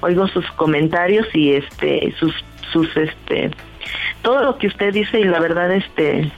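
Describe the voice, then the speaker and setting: A woman calling into the show, talking in a hesitant, halting way over a phone line. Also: lowish voice. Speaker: caller. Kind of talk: phone-in call. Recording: tinny phone line with music.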